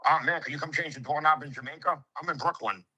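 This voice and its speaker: A man's voice: on the high side, fast, pushed and bright, husky, rough recording. A brash man, a home improvement contractor lecturing in casual, streetwise talk with swearing and acted-out quotes. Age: 50s. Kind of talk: casual sales conversation.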